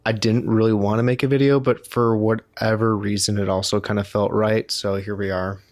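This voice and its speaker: A man's voice: fairly low pitch, flat delivery, normal speed, a little mellow, dry recording, studio quality. A tired man vlogging to the camera in a rambling, self-deprecating way, often restarting his sentences. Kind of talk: casual talk to camera.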